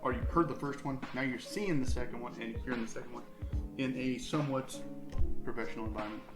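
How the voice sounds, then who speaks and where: A man's voice: medium pitch, steady tone, fast, music in the background. A man hosting a casual podcast, talking in a loose, rambling way with many restarts. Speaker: podcast host. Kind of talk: casual chat.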